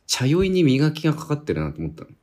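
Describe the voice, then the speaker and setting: A man from Tohoku in Japan with a slightly husky voice, chatting casually as a podcast co-host. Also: on the high side, wildly swooping pitch, fast, darkish tone. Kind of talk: casual chat.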